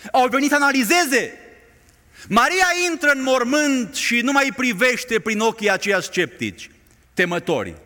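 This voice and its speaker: Male preacher, high animated voice, dramatic sermon delivery, long hall reverb. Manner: impassioned, dramatic rises and hushed drops.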